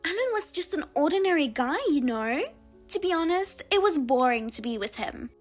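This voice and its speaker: In a voiced drama, a woman plays the younger sister who stole a husband, smug and taunting as she drags out her words with mocking, self-satisfied teasing. Her high, sing-song voice leaps all over, animated, while music plays underneath.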